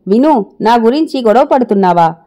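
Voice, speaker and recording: A gentle, self-effacing elderly father speaks in a weak, tired voice, as a woman narrator reads his lines. The tone is mellow and rather high-pitched for an old man. It is an audio storybook reading. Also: animated, normal speed, lightly acted. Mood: weary, gentle.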